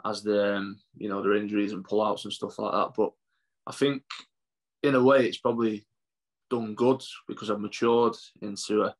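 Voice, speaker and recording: A man in his twenties speaks as a boxer in a casual interview. His voice sits a little low. He is matey and laid-back, often circling back over the same phrase. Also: flat delivery, moderate pace. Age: 20s. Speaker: professional boxer being interviewed.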